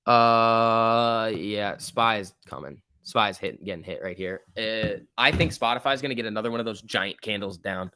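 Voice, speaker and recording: Bright-voiced man streaming live stock trades. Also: fairly low pitch, clear, resonant tone, no room sound, clean studio sound. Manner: informal slangy muttering to himself, repeats words. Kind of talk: casual live market commentary, reading out chat.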